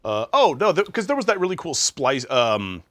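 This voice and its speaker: A man's voice: a little high, big pitch swings, normal speed, a bit bright, dry recording. A young man co-hosting a casual gaming podcast, explaining at length with many fillers. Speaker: podcast co-host.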